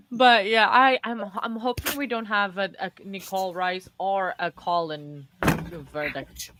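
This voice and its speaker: A woman's voice: mid-range voice, fairly even intonation, slow pace, pauses often, noisy background. A woman hosting a casual livestream chat in a jokey, scattered way. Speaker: livestream host.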